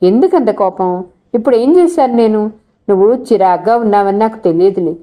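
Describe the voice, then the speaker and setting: A woman's voice: mid-range voice, expressive, normal speed, warm tone, natural voice. A woman reading as a teasing young college girl. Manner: teasing, coaxing.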